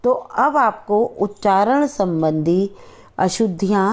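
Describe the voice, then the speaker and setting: A woman teaching a grammar lesson, saying each word twice in slow, careful pronunciation drills. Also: mid-range voice, lively intonation. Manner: repeats each word twice, stressing the correct form.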